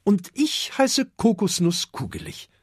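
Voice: medium pitch, sing-song, unhurried, slightly rough, no echo, clean studio sound, voice pushed up. A reader voicing a friendly, helpful young fire dragon in a children's story, speaking eagerly and encouragingly.

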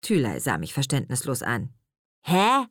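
A woman narrating a story in the first person, reading in a lively, expressive way. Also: fairly low pitch, measured pace, dry recording, clean studio sound. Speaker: audiobook narrator.

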